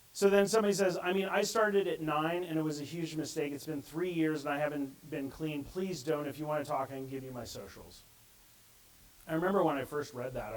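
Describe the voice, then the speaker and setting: A man's voice: fairly high pitch, rough recording. A middle-aged man giving a conversational conference talk and acting out the quotes he reads. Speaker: conference speaker.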